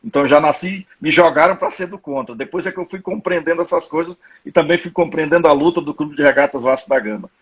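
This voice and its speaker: A man's voice: fairly high pitch, fast, hardly any pauses, breathy edge, highs cut off. A man in his fifties with a Brazilian Portuguese accent, hosting a live online talk and telling personal anecdotes in a conversational way. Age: 50s. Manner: conversational, anecdotal, restarts often. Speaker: live-stream host. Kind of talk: live-stream discussion.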